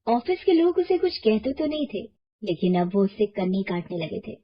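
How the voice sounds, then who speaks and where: A woman narrating a bedtime moral story in a steady, scripted way. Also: medium pitch, normal speed, muffled recording. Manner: steady, explanatory.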